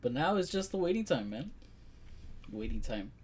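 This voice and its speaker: A man's voice: mid-range voice, big pitch swings, moderate pace, breathy edge. A man co-hosting a live stream, laid-back, giving short agreeing replies and laughing often. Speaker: stream co-host. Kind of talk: casual chat.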